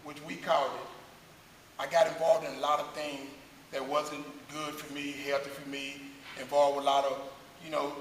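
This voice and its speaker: A man from West Dallas, giving an earnest, halting talk to an audience. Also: on the high side, gravelly, fairly bright tone. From West Dallas, Texas. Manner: earnest, halting with many uh's and repeats. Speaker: guest speaker. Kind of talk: speaking to an audience. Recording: echoey hall, faint hiss.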